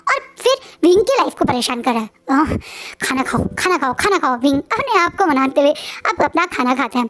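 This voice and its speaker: A woman casually retelling a fan story, chatty and animated, sometimes talking straight to the characters. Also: sits high. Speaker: fan fiction narrator. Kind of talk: casual storytelling in Hindi and English.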